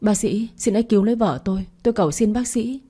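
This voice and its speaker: A man's voice: high-pitched, fast talker, warm tone, breathy edge. A woman voicing a flustered older husband who pleads and makes excuses in a storybook reading. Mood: pleading.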